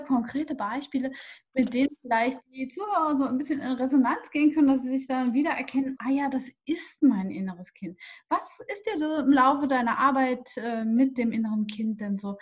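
A woman podcast host asking questions, with searching and hesitant phrasing. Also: high-pitched. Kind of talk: interview questions.

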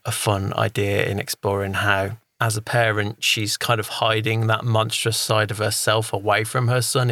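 A man's voice: fairly low pitch, gravelly, fairly bright tone, no room sound. A man talking casually on a podcast, reviewing a show in a rambling, thinking-aloud way. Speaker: podcast co-host. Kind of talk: casual film review chat.

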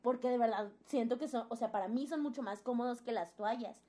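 Animated young Mexican woman telling a story. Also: on the high side, a little fast. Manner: animated storytelling, acts out quoted voices. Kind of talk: casual chat.

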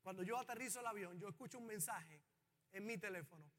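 A male pastor preaching a sermon in a high, bright, forceful voice that carries through a church hall's long reverb. His delivery is impassioned, climbing to loud, fervent peaks as he presses his point. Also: fast.

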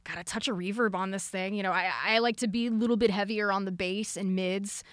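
A woman's voice: mid-range voice, steady tone, a little fast, smooth, no room sound, clean studio sound. Upbeat woman guitarist talking gear. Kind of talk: casual chat about guitar.

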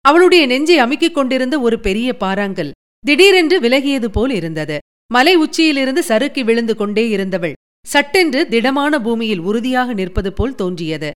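Smooth-voiced woman narrating an audiobook. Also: a little high, very animated, moderate pace. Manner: dramatic, emotive storytelling.

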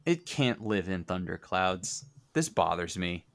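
A man in casual group chat, delivering dry deadpan quips. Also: low-pitched, a little slow, creaky.

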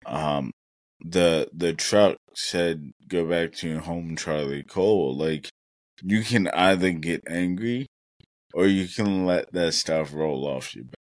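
A young man with a deep, low voice talks slowly and earnestly, thinking aloud with plenty of fillers as he co-hosts a casual podcast. His voice sounds dry and close, with no room echo. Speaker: podcast co-host.

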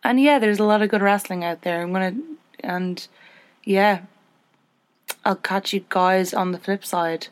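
A young woman hosting a podcast in casual chat, chatty and self-deprecating, her pitch jumping up when she gets excited. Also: unhurried, pauses often, clean tone, no room sound. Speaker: podcast host.

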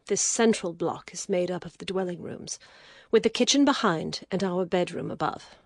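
Woman voicing a breathy, high weary noblewoman. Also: moderate pace, dry recording. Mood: hushed. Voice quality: breathy, whispery. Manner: hushed and tired, rising to bitter outrage. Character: weary, proud young noblewoman. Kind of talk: audiobook character voice.

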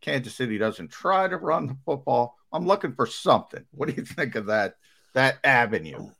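Man, sports talk host, lively melodic voice, conversational, questioning. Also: medium pitch, moderate pace, gravelly.

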